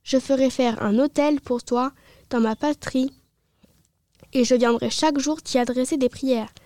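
A woman's voice: sits high, steady tone, unhurried, warm tone, no echo, studio quality. A woman reading a fiery middle-aged hero. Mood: tender. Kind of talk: reading a story aloud.

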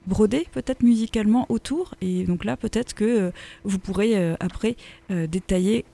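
Woman radio host, gravelly, mellow dark tone, halting, studio mic. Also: mid-range voice. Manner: halting, many filler sounds, relaxed. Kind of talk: radio show hosting.

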